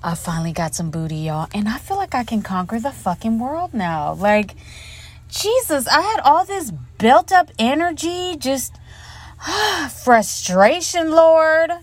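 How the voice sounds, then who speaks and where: Speaking a little slowly in a high, sing-song voice, a woman hosts her podcast alone from inside a hotel closet, her mic set up there. Her chatty storytelling is candid and full of curse words.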